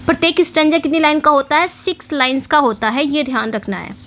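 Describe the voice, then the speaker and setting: Woman teacher with a high voice, exam-prep lecture, quiz-style questions and repetition. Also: fairly bright tone. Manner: explains in Hindi mixing English terms, repeats key points with quiz questions; reads English question text slowly. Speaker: English literature teacher.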